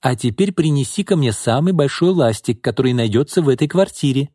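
A man voicing a bold, sharp-tongued young woman who teases and orders people around in an audiobook. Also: medium pitch, animated, brisk, husky, no echo, studio quality, pitched above the performer's own voice. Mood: teasing. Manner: teasing, brash, commanding.

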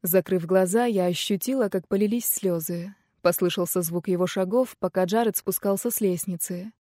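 A woman reading a first-person novel aloud in a quiet, measured, intimate way. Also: mid-range voice, dry recording, clean studio sound. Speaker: audiobook narrator. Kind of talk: first-person audiobook narration.

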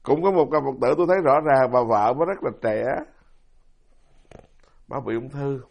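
A man's voice: medium pitch, animated, normal speed, vocal fry. A middle-aged man, a Buddhist monk with a Southern Vietnamese accent, giving a dharma talk full of stories and rhetorical questions to his listeners. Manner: storytelling with rhetorical questions to the audience. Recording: dull lo-fi recording.

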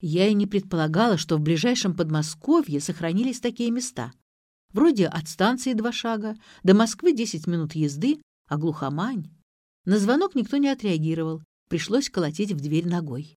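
A woman narrating an audiobook in an even, matter-of-fact way. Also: fairly low pitch, normal speed, dry recording, studio quality. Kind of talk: scripted narration.

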